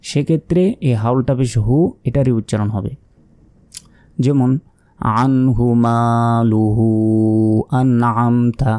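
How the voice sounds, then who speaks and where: A man's voice: medium pitch, mellow, no room sound. A man teaching Quran reading step by step, spelling out letters and marks, asking questions and then answering them patiently.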